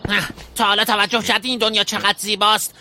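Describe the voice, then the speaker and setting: A woman's voice: mid-range voice, steady tone, pushed and bright, a little hiss or hum, lightly acted. A woman voicing a girl who plays an earnest, dramatic superhero in a dubbed cartoon. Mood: heroic. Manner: earnest, dramatic, then self-mocking. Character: cheerful girl playing a self-made superhero.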